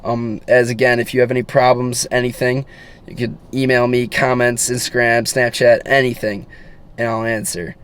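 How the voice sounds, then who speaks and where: A man's voice: mid-range voice, level tone, normal speed, fairly bright tone, clear, resonant tone. A teenage boy turning eighteen, talking casually and earnestly to his viewers, rambling with many fillers and restarts. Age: teens. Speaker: fitness vlogger. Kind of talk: casual talk to camera.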